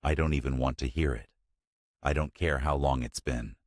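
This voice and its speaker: A man's voice: a bass voice, steady tone, normal speed, no echo, clean studio sound. A man voicing an angry, betrayed young fiancé who speaks sharply and demands answers. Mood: angry, accusing.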